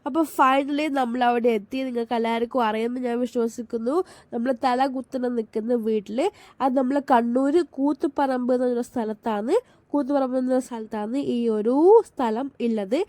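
A woman's voice: on the high side, steady tone, normal speed, darkish tone, no room sound. A Malayali woman from Kerala narrating her family outing in a chatty, enthusiastic voice-over, with frequent restarts. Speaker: family vlogger.

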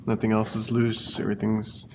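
A refrigeration technician fixing a walk-in cooler explains each step casually as he works, recorded on a head-mounted action camera. His voice is on the low side, his pace moderate, and his manner relaxed and plain-spoken, with slight background noise.

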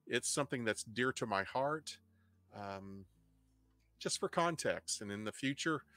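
A middle-aged man with an Ozark Missouri twang hosts an informal online history class. His pitch is average for a man. He explains in a halting way, often repeating and rephrasing, close to the microphone in a dry room. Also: lively intonation, pushed and bright, dry recording, soft background music. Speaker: host, history teacher. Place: indoor home studio. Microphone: desk microphone up close, headset on.

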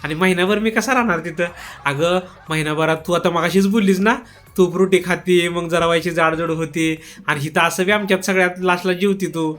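A man's voice: sits high, steady tone, a little fast, a bit bright, soft background music. A man playing a husband in a comic skit, pleading and laughing as he talks. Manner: giggly, pleading, keeps laughing while denying it. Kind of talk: comic sketch acting.

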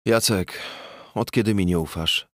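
A man's voice: sits low, unhurried, a bit bright, dry recording, studio quality. A man voicing an angry, stubborn male detective who speaks bluntly. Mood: tense.

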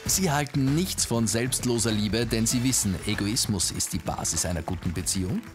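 Infomercial-style male announcer over loud music. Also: lowish voice, animated, moderate pace. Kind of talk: scripted infomercial-style promo voice-over with call-in number. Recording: music bed under voice-over.

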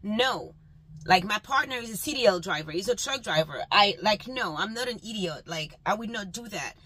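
A woman's voice: mid-range voice, animated, moderate pace, pushed and bright, low-quality recording. A woman delivery van driver venting in an exasperated, emphatic rant while driving, with road noise behind her. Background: road and engine noise.

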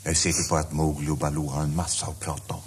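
A man's voice: very deep voice, little pitch movement, a little hiss or hum. An actor voicing a stern, dignified male panther in a dubbed audio drama, speaking in a clipped, firm way.

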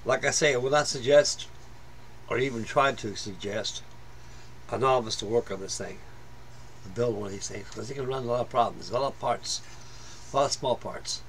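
The recording is rough, with slight background noise, as a middle-aged man talks casually about a model build at his home hobby-room workbench. He speaks at normal speed in a mid-range, somewhat bright voice, taking long pauses, and his plain-spoken rambling is full of fillers and restarts.

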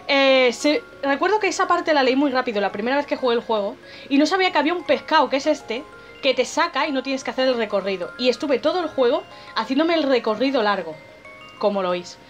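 A young woman from Spain with a Spanish accent, chatting and joking as she plays a game, slightly hoarse from straining her voice. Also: high-pitched, animated, a little fast. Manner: chatty, joking, swears casually. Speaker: gamer. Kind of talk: let's play commentary. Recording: voice over game music.

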